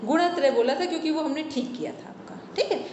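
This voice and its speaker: A woman's voice: high voice, fast, echoey room, big-room sound, background noise. A woman teacher leading an online class, patiently correcting pronunciation and giving homework over a video call.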